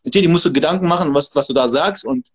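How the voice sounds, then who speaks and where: High-voiced, emphatic martial arts trainer. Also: male voice, animated, very fast, creaky, husky. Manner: emphatic, motivational, preachy. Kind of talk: casual interview talk.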